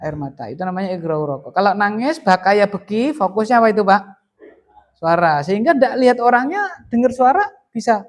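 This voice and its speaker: Male teacher, classroom lesson, animated emphasis, asks students questions. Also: high voice, fairly quick. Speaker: teacher of Arabic grammar. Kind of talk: classroom lesson with call and response.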